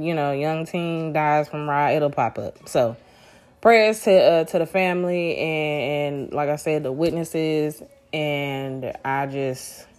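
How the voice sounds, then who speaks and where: Stuffed up from allergies, this Southern-accented woman runs her own casual podcast alone, rambling with frequent restarts and plenty of profanity in a blunt style. She has a low, darkish voice.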